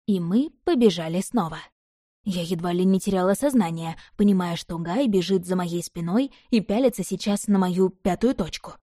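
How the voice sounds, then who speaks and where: Woman narrating a story, mellow voice. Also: fairly low pitch, moderate pace, no echo, clean studio sound. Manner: expressive first-person storytelling. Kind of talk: audiobook narration.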